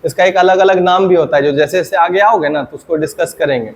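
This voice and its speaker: In a classroom, a man teaches English grammar at a fast clip. He tends to pose a question, answer it himself in a lower voice, and then check that the class has followed.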